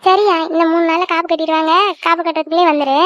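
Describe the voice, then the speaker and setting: A woman's voice: very high voice, fairly even intonation, quick pace, no room sound. A woman voicing a caring middle-aged village aunt in a cartoon, talking in a coaxing, insistent way. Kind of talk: cartoon voice acting. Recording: dull lo-fi dry recording.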